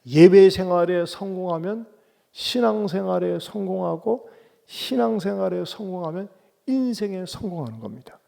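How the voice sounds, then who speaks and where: A man's voice: high voice, expressive, moderate pace, vocal fry, mellow. Sex: man. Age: middle-aged. Role: pastor. Style: emphatic sermon, rhetorical questions, call-and-response. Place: church, pulpit mic. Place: church sanctuary.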